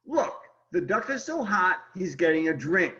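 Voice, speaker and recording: A man reading a children's picture book aloud as an excitable, emphatic character who insists on being right. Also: sits high, normal speed, exaggerated voice. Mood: eager. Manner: emphatic, exclamatory. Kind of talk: animated children's read-aloud. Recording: dull, lo-fi video call audio.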